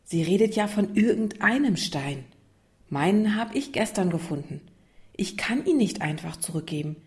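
A woman's voice: medium pitch, lively intonation, normal speed, lightly acted. A woman doing a cheerful little schoolgirl. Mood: defensive whisper. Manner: gentle, secretive whispering at times. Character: young schoolgirl, cheerful but torn.

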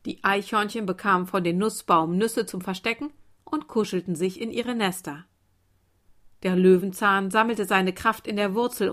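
A woman reading a calm bedtime story aloud in a soft, gentle voice. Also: medium pitch. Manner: calm, soft, turning quieter.

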